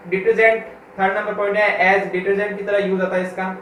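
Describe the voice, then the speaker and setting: A male school chemistry teacher lecturing a class. His voice sits high, and he asks questions and answers them himself. The sound is very echoey and comes from a distance across the room. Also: little pitch movement, a bit bright. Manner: reads English textbook lines slowly, word by word. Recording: echoey room from far off, with faint noise.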